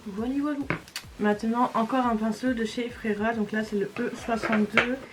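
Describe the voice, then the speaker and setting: A woman's voice: a little high, fairly even intonation, moderate pace, music in the background, low-quality recording. A woman, casually talking through each step of a makeup tutorial. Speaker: beauty vlogger.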